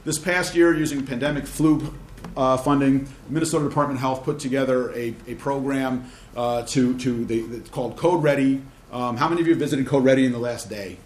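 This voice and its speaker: Fast-talking man in a roomy hearing room. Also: medium pitch, steady tone, slight background noise. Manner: rapid, urgent delivery with restarts. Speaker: county representative testifying. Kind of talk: formal testimony to a committee.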